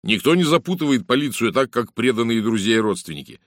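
A man voicing a brisk, blunt middle-aged police inspector in an audiobook, talkative and matter-of-fact. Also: mid-range voice, sing-song, no echo, clean studio sound, voice pushed up, natural voice. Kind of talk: audiobook character voice.

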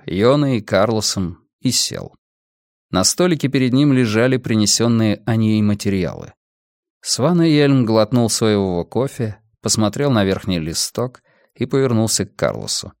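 Man, audiobook narration, expressive, lively intonation, mid pitch, dry close mic. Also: normal speed, no echo. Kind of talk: scripted narration.

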